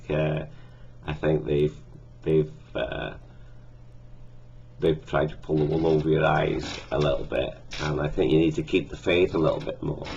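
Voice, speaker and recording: A man talks through a film review in a very deep, gravelly voice that barely rises or falls. He pauses often, filling gaps with ums and correcting himself mid-sentence. The recording is dull and lo-fi with a faint hiss behind it. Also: darkish tone. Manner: halting, many fillers and self-corrections. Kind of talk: casual spoken film review.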